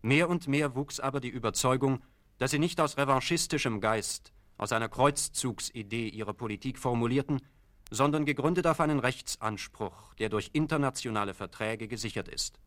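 A man narrating a documentary in a measured, formal scripted delivery. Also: medium pitch, a bit bright.

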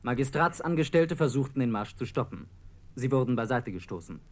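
A man narrating a historical radio documentary in a measured, scripted read. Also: medium pitch, animated.

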